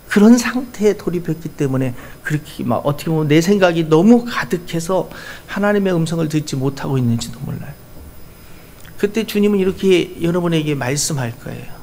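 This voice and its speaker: A male pastor preaching a sermon in church, earnest and shifting between loud urging and soft asides. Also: sits high, normal speed.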